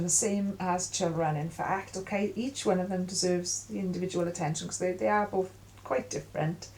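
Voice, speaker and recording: A woman's voice: medium pitch, darkish tone, poor audio. Musing woman giving a tarot reading. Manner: musing, halting, with many fillers. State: coughing at times. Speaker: tarot reader.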